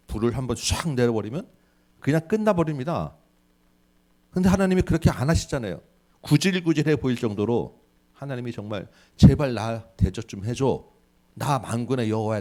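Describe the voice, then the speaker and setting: A man's voice: medium pitch, dark tone. Man preaching with rhetorical questions. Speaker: pastor. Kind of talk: sermon.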